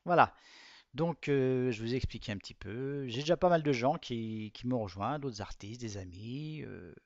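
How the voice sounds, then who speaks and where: A man's voice: medium pitch, animated, moderate pace, darkish tone, no echo, muffled recording. A man presenting his own artwork to viewers in a casual, hesitant way, with many fillers and restarts. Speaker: artist presenting his work.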